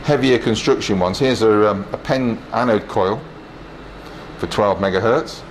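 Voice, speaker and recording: Speaking a little slowly in a fairly low voice, a man leads a casual technical tour as an engineer, describing and running equipment with matter-of-fact plainness and dry asides. The indoor transmitter hall is filled with clear machinery and air-cooling noise.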